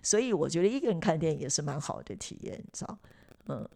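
Gravelly-voiced woman chatting reflectively. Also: sits low, expressive, quick pace, warm tone. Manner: reflective, chatty, many fillers and restarts. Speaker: podcast host. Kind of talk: casual chat.

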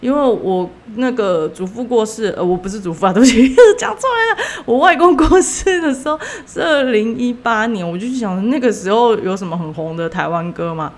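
A woman's voice: on the high side, expressive, normal speed, hardly any pauses. Young woman, chatty podcast host, loose rambling storyteller. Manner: rambling, many fillers and self-corrections. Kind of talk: casual storytelling.

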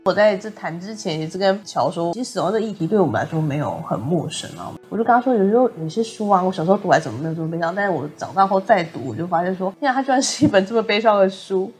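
A woman co-hosting a book discussion podcast, softly retelling a story and quoting its characters. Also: mid-range voice, lively intonation, racing, hardly any pauses, soft background music. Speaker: podcast co-host.

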